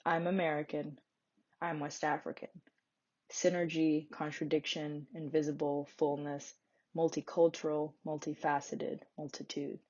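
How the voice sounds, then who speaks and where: Woman, low voice, even and flat, reflective spoken-word narration, slightly muffled recording. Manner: measured, poetic delivery.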